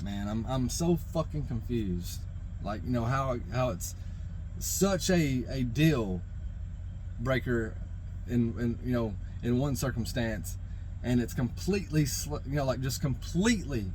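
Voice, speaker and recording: A man's voice: medium pitch, lively intonation, unhurried, darkish tone, slight background noise, low-quality recording. A man delivering an unscripted, exasperated rant full of swearing, rambling and stammering over repeated phrases as he goes. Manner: exasperated, rambling, profanity-laden ranting. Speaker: knife review vlogger. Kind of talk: unscripted opinion rant to camera.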